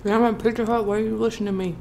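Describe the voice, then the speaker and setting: A woman's voice: a little high, steady tone, very fast, creaky, warm tone, a little hiss or hum. A woman vlogger chatting casually while chewing her food, rambling and trailing off with fillers. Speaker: mukbang vlogger. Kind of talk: casual chat while eating.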